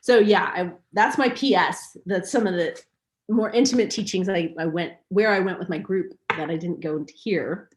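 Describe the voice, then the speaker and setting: A woman's voice: lowish voice, normal speed. A woman hosting a workshop webinar, talking in a flowing, filler-heavy way and acting out quoted voices. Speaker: workshop host. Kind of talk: webinar teaching.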